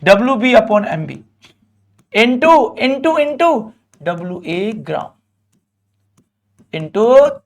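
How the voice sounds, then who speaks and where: Male teacher, high voice, lively coaxing lecture, draws out key terms. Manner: lively, coaxing, often asks students questions; stretches out key terms slowly. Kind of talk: classroom lecture to students.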